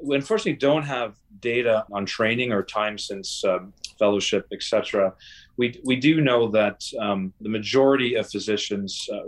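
A man interviewed as a guest researcher on a podcast, speaking in a measured way with frequent fillers and restarts. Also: lowish voice.

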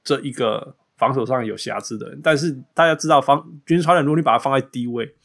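A man hosts a casual sports conversation in a Taiwanese accent. His voice has a creaky, gravelly edge at a medium pitch. He hops between Mandarin and English within a sentence and drives points home by repeating words. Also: fast, a bit bright. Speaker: podcast host.

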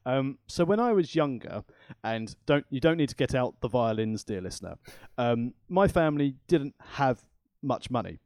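A man's voice: mid-range voice, very animated, moderate pace, darkish tone, dry recording. Chatty man, dry close sound. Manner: chatty, rambling, self-deprecating asides. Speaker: podcast co-host. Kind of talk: casual chat.

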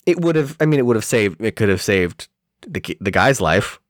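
A man's voice: on the low side, sing-song, a little fast, no room sound, clean studio sound. A man co-hosting a podcast, riffing jokily about a film and acting out lines. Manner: riffing, jokey, acts out lines. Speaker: podcast co-host. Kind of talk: casual film chat.

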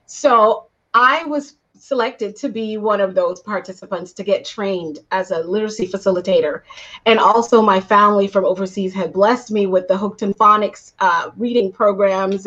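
A woman originally from Guyana speaks as an interview guest, sharing her journey as a coach. She talks in an animated, storytelling way with easy laughs. The call audio is somewhat dull and lo-fi. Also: medium pitch. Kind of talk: conversational interview answers.

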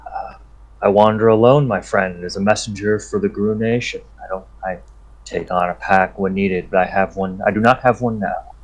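A man's voice: fairly low pitch, fairly even intonation, moderate pace, lightly acted, low-quality recording. A man playing an earnest, loyal lone werewolf messenger in a tabletop game, speaking formally and respectfully. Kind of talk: tabletop role-play character acting.

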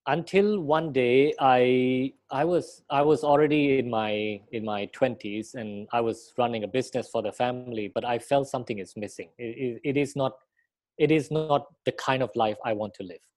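A man's voice: medium pitch, moderate pace, a little mellow. A middle-aged man from Thailand, telling his story as an interview guest in a reflective, conversational way. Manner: reflective, recounts with quoted inner thoughts.

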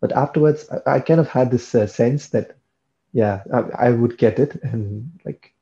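Speaking at a normal speed in a mid-range, gravelly yet warm voice, a young Tamil-speaking man from India discusses his PhD studies as an interview guest. The chat is casual, he repeats words as he thinks, and the sound quality is lo-fi.

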